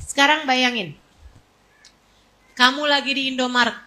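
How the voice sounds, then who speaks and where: A woman in her forties from West Java, preaching a casual sermon with emphatic repetition and lively storytelling. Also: sits high, normal speed, rough recording. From West Java, Indonesia. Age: 40s.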